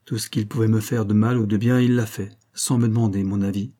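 A man's voice: on the low side, fairly even intonation, a little fast, dark tone, lightly acted. A man reading an audiobook, voicing a proud, cold young wife in a slightly raised voice. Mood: aloof. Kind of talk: audiobook character voice.

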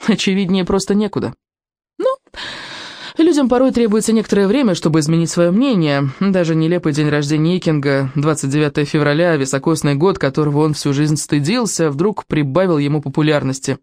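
A woman narrating a children's fantasy audiobook in an expressive storytelling manner. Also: sits low, brisk, dry recording, clean studio sound.

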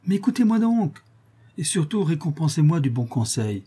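A man's voice: fairly high pitch, very animated, normal speed, dark tone, husky, pitched above the performer's own voice. A man reading aloud and voicing a greedy, scheming old woman who talks in coarse, wheedling slang.

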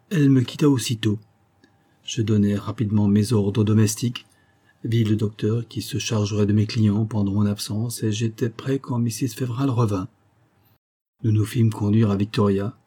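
Mellow husky male audiobook narrator. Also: on the low side. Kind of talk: literary first-person narration.

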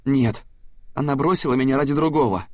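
A man's voice: mid-range voice, a little fast, no echo, clean studio sound, pitched above the performer's own voice, close to an everyday voice. A man voicing a bitter young man in an audiobook, speaking in a curt, cold way.

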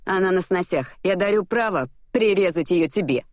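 A woman reading the part of a brash, cruel young man in an audiobook, speaking loudly and exclaiming. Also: on the low side, lively intonation, normal speed, no echo, clean studio sound, voice pushed up, lightly acted. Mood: mocking gleeful.

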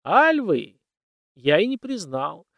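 A man's voice: high voice, sing-song, takes it slowly, vocal fry, fairly bright tone, no echo, clean studio sound, pitched above the performer's own voice, exaggerated voice. A man voicing a cautious, dutiful old male house servant who speaks in a plain, folksy way. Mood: nervous, dutiful.

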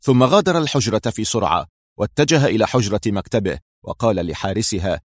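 A man narrating a spy thriller audiobook in a steady storytelling manner. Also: lowish voice, fairly quick, no room sound, clean studio sound. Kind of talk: scripted narration.

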